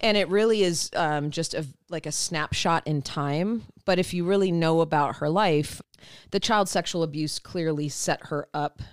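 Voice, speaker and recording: Smooth-voiced woman explaining thoughtfully. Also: sits low, moderate pace, no echo, studio quality. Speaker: podcast co-host. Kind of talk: casual podcast discussion.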